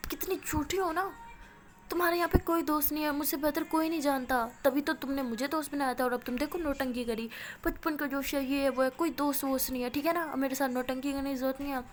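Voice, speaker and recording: A woman's voice: sits high, fairly even intonation, fast talker, soft background music, voice pushed up, natural voice. A woman voicing a jealous young college woman who accuses her friend with sarcasm.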